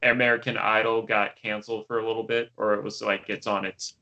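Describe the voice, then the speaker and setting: Gravelly, bright-toned young man chatting. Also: on the low side, flat delivery, brisk, lo-fi sound. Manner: chatty, many fillers and restarts. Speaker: podcast co-host. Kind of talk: casual chat.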